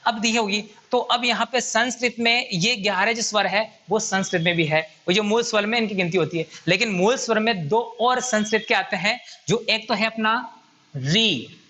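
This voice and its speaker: A man's voice: sits high, a little fast, few pauses, pushed and bright. A man teaching a grammar lesson at a whiteboard, patiently repeating and counting items aloud.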